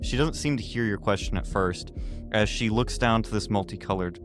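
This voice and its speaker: A man working as the game master, narrating a tabletop role-playing game in a steady, measured way. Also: fairly low pitch, music in the background.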